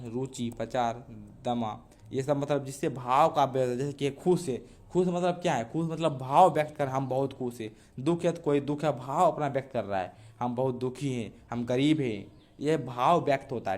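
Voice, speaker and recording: Hindi teacher who keeps saying "ठीक है". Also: male voice, medium pitch, a little mellow. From Bihar. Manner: repeats "ठीक है" often, addresses students directly. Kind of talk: online Hindi grammar lesson.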